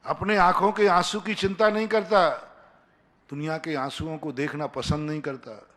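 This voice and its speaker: Fairly high-voiced monk preaching. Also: male voice, fairly even intonation, normal speed, a bit bright. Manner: pleading, repetitive exhortation with dialogue-like anecdotes. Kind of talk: sermon.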